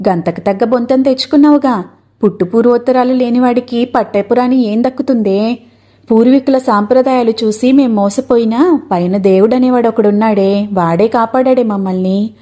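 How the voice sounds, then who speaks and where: A sharp-tongued village woman, mocking and preachy, as a woman reader puts her on. The tone is mellow and a touch high. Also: moderate pace, lightly acted.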